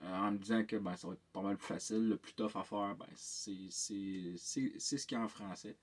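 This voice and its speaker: This man has a lowish, slightly rough voice with fairly even intonation and a brisk delivery. Speaking with a Québécois French accent, he gives a casual, rambling vlog update as a tabletop game master. He sounds very tired, hesitating often with many filler sounds and repeated words.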